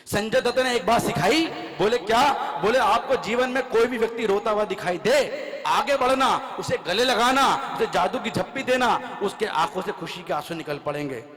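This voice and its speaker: A man's voice: high-pitched, lively intonation, normal speed, fairly bright tone. A man performing comic storytelling on stage at a poetry gathering, acting out dialogue with rhythmic repetition. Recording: reverberant live PA sound.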